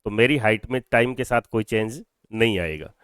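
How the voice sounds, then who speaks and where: This physics lecture comes from a man over twenty-two with a lowish, smooth, slightly bright voice at a moderate pace, recorded dry in clean studio sound. Mixing Hindi with English phrases, he breaks things down step by step, asks and answers his own questions, and has students repeat terms after him.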